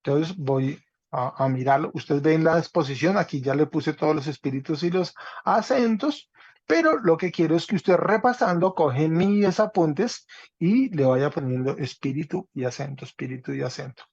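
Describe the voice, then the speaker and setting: A man's voice: fairly high pitch, animated, moderate pace, a little mellow, husky, no echo. Patient man teaching over a video call. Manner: patient, checks understanding with "¿cierto?". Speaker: Greek teacher. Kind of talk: online class lecture. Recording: slightly dull, dry online call audio.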